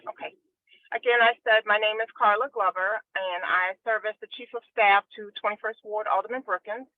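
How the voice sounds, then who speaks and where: A woman's voice comes through a car speakerphone while she drives, narrow and tinny like a phone line. The sound is dry and close, with no room around it. She speaks politely and briskly, in a matter-of-fact way. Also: medium pitch, steady tone, dry recording. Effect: phone call from a car on speakerphone. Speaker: chief of staff to a city official. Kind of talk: formal statement at a public hearing.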